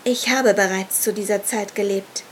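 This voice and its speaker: A woman's voice: mid-range voice, steady tone, moderate pace, slight background noise, close to an everyday voice. A woman voicing a hateful male cult warrior who asks tense, probing questions. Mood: suspicious.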